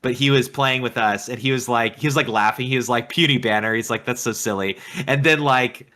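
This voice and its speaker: A man co-hosting a casual gaming podcast, excitable and laughing often. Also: mid-range voice, a little fast. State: tired late at night. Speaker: podcast co-host.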